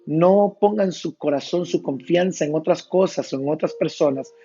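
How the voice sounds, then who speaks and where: A man's voice: a little high, moderate pace, warm tone. A man preaching an earnest devotional reflection, retelling Bible passages with quoted lines. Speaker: pastor. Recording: dull lo-fi sound with faint music.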